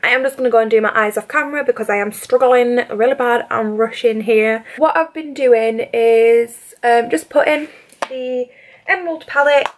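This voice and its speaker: A woman's voice: on the high side, normal speed. A woman in her twenties with a British accent, chatting casually through a makeup tutorial, rambling with lots of fillers. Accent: British English. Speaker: beauty vlogger. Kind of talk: casual get-ready-with-me chat.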